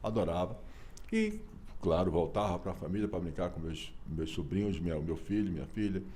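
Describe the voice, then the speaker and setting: Brazilian guy in his 60s, lowish voice, super expressive, keeps asking "right?" in an interview. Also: moderate pace, a little hiss or hum. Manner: animated storyteller, emphatic, rhetorical questions. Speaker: author and interview guest. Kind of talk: casual conversational interview.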